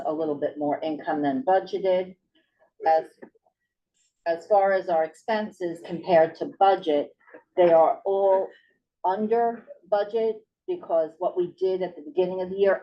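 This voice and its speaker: A woman presenting financial results at a board meeting, reading figures steadily with some ums. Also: lowish voice. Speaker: finance officer presenting report. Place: meeting room. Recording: distant muffled mic with faint hiss.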